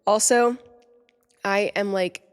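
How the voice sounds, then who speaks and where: Recorded with a big-room sound, this podcast host is a woman in her twenties with a clean, mid-range voice, speaking slowly with fairly even intonation. She is nasal and congested, her throat slightly sore, yet her chat stays upbeat and casual, packed with "like" fillers.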